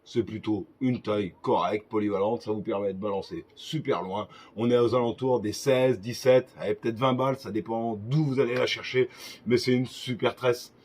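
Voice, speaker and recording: A man's voice: medium pitch, steady tone, moderate pace, darkish tone, a little hiss or hum. A young man talking casually in a gear-advice vlog, chatty and joking with crude asides. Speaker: fishing vlogger.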